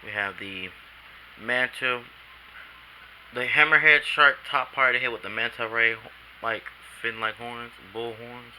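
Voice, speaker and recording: Somewhat slow, with a pushed, bright mid-range voice and fairly even intonation, a man reviews an action figure from home. He's drowsy from a nap, rambling casually, using slang and often restarting sentences. The camcorder recording is low quality, with light background noise.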